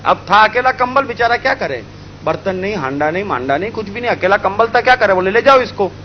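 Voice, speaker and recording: High-voiced storytelling man. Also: fast talker, dull audio, slight background noise. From India. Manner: animated, acting out story characters. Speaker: spiritual speaker. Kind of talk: storytelling talk.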